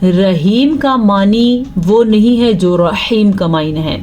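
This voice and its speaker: A woman teaching Quran pronunciation, patiently explaining rules between slow drawn-out recitations. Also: mid-range voice, darkish tone. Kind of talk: tajweed lesson with recitation.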